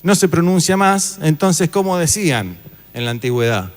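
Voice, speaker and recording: A man's voice: a little high, very animated, normal speed, faint music behind. A man giving an informal Bible class, talking casually and quizzing his listeners. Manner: conversational, asks the audience questions. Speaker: church teacher. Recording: reverberant hall.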